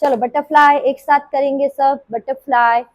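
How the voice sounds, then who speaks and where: High-voiced woman yoga teacher. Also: fairly even intonation, moderate pace, no room sound, lo-fi sound. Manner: scolding, coaxing, counts reps aloud. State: sore throat. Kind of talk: live group class instruction. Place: indoor yoga class room.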